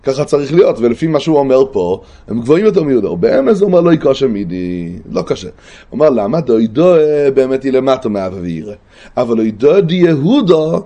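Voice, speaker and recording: A man teaching a religious text in a lesson, with a mellow voice. He works through the material step by step and keeps checking that his listeners follow. Now and then he stops to think aloud and recall a term. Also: medium pitch.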